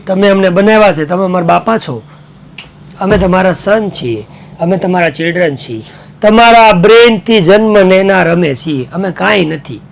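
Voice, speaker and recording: A male teacher giving an animated online class, mixing in Hindi and English and getting students to call out answers. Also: high voice, moderate pace.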